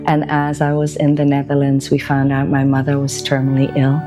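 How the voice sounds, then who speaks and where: Low, flat-voiced reflective woman over music. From Belgium. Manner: slow, gentle and reflective, with pauses. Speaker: wellbeing practitioner.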